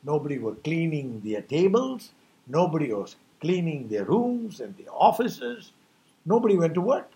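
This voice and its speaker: An emphatic, preachy man with a fairly high voice, delivering an impassioned New Year monologue. He hammers his points home and keeps throwing out rhetorical questions. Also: big pitch swings, normal speed, warm tone. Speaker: speaker giving a New Year message.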